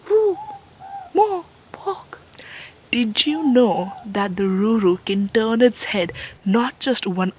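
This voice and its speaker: A woman giving playful, measured educational narration for children as a nature presenter. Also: mid-range voice.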